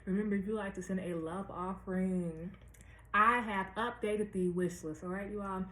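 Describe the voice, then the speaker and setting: A woman's voice: mid-range voice, steady tone, a bit bright. American woman speaking with a retainer, echoey room. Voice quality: slightly lisped speech from wearing a dental retainer. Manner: slow, deliberate, repeats phrases for emphasis. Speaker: tarot reader and astrologer hosting a weekly series. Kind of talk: casual spiritual guidance chat to viewers. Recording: roomy echo with faint background noise.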